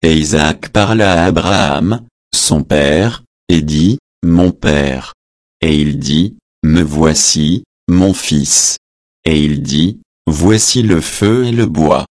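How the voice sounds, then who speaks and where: A man reading a Bible passage verse by verse in a measured, solemn way, announcing the verse numbers and reading the translator's notes aloud. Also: rumbling low, dry recording, studio quality. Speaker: scripture reader.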